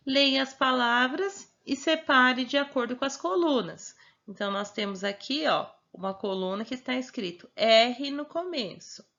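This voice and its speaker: A woman teacher giving a recorded remote lesson, patiently sounding out words slowly and checking that the child follows. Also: on the high side, a bit bright. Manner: patient, slow, spelling words out. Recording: muffled lo-fi recording.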